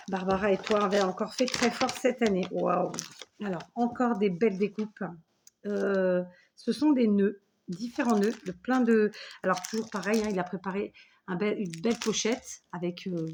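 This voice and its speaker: An enthusiastic woman in her forties chats through a home scrapbooking video, her pitch sitting in an ordinary middle range. She talks in a warm, effusive, rambling way, full of thanks and little asides. A faint hiss of background noise sits under the voice. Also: measured pace. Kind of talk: casual unboxing chat.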